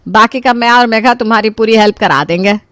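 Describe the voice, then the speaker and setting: A woman's voice: fairly high pitch, fairly quick, fairly bright tone, no room sound, studio quality, close to an everyday voice. A woman doing a nagging mother-in-law. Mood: scolding. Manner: nagging, sarcastic. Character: scolding middle-aged mother-in-law, exasperated.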